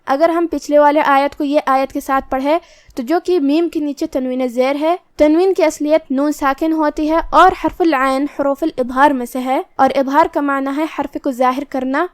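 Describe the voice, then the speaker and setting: High-voiced woman teaching Quran recitation. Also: no echo, clean studio sound. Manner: explains rules step by step, then recites verses slowly and drawn out. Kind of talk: tajweed lesson with slow recitation.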